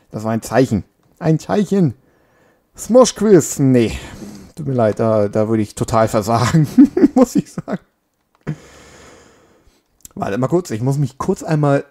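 A man's voice: medium pitch, very animated, slow, long pauses, dark tone. A man giving casual, joking commentary while he plays a video game at home on a makeshift mic, scolding his character now and then. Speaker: let's play gamer. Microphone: makeshift home mic setup.

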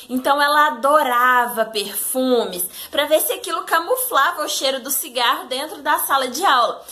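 Brazilian woman, etiquette vlogger; high, bright, chatty, talks straight to viewers. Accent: Brazilian Portuguese. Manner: chatty, keeps addressing the audience directly. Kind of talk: casual advice talk to viewers.

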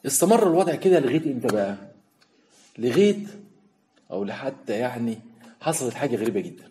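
A man's voice: medium pitch, lively intonation, fast talker, dark tone, a little hiss or hum. A man with an Egyptian Arabic accent, hosting a show and telling a listener's story with emphatic, indignant rhetorical questions. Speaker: show host. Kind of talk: storytelling commentary.

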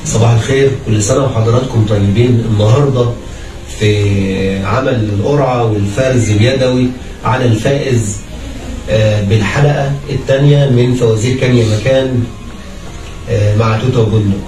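A man with an Egyptian Arabic accent hosts an informal live giveaway announcement, speaking haltingly with frequent hesitations. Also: medium pitch, steady tone. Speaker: host of a prize draw. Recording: echoey room, distant mic, music behind. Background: music.

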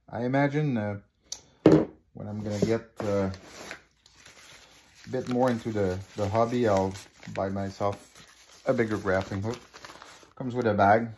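A slightly mellow, low-pitched man from Quebec, a native French speaker with a Québécois accent, records a casual hobby unboxing on his phone above a living-room table. He peppers his talk with fillers and frequently starts over.

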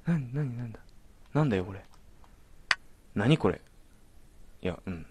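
A man's voice: medium pitch, lively intonation, moderate pace, mellow, slightly rough, no room sound. A man commentating a horror game as he plays, jumpy, alternately exclaiming and muttering to himself. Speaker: let's play commentator.

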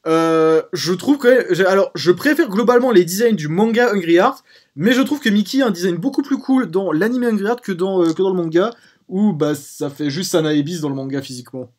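A man's voice: high voice, expressive, brisk, darkish tone. A man hosting a live stream, chatting casually and drifting into digressions. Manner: rambling, prone to digressions. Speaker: streamer host.

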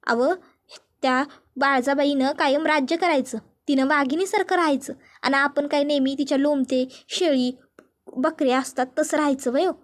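A woman voicing a loud, scolding middle-aged mother within a TV serial recap. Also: high voice, steady tone, normal speed, lightly acted. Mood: ranting.

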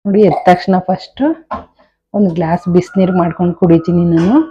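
A woman's voice: on the low side, steady tone, fairly quick, lo-fi sound, background noise. A young woman, chatting casually to her viewers while doing chores and cooking in her home kitchen. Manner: chatty, talks straight to viewers. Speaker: vlogger. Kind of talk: casual home vlog narration.

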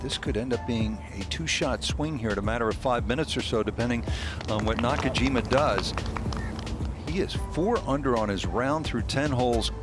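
A man's voice: medium pitch, normal speed. A man giving golf commentary as a broadcast commentator. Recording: music laid over commentary.

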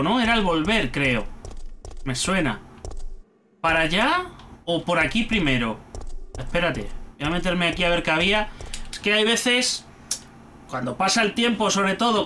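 Spanish gamer from Spain, animated high voice, cursing, chatting to himself over gameplay. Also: male voice, slight background noise. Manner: chatty, swears freely, talks to himself. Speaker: gaming youtuber. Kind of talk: let's play commentary.

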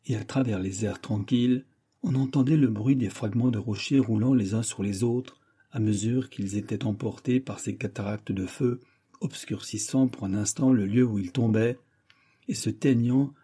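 Dark, husky male audiobook narrator. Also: medium pitch. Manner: measured, dramatic. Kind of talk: scripted narration.

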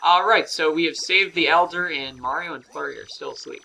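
A man's voice: on the high side, a little fast, gravelly, bright, forceful tone, slight background noise, poor audio. A man giving casual, rambling game commentary, with fillers and self-corrections. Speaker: let's play commentator.

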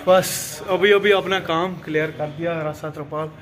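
A man's voice: on the high side, fairly even intonation, normal speed, noisy background. A young man in his twenties, a truck driver vlogging casually and chatting as he explains his work, filmed on a handheld phone outdoors in a loading yard. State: tired. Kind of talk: casual vlog commentary. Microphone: phone camera held by hand.

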